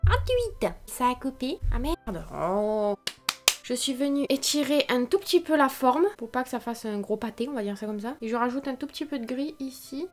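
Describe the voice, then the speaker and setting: A woman's voice: high voice, expressive, normal speed, faint music behind. A woman giving a casual, chatty makeup tutorial, talking to the viewer as she works and grumbling at small mishaps. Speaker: makeup vlogger.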